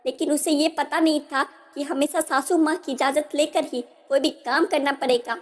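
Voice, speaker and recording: A woman narrating a family story in an even, measured storytelling manner. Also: sits high. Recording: long hall reverb.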